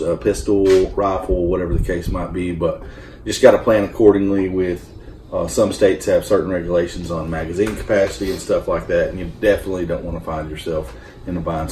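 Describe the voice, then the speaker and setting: This guest, a man in his thirties, sits low in pitch as he steadily talks through survival gear in a home kitchen, keeping it practical and casual but filled with hesitant fillers. The audio, from a far-off camera, sounds roomy with a faint hum.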